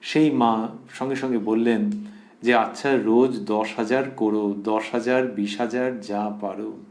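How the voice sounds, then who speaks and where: A man giving a devotional discourse, reading quotes slowly and then explaining them calmly. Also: fairly low pitch. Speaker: religious speaker. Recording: echoey room.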